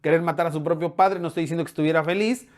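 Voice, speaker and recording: A man's voice: a little high, fairly even intonation, very fast. A man with a Mexican Spanish accent, a pastor reading scripture expressively and then explaining it with spoken fillers. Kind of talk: sermon with Bible reading.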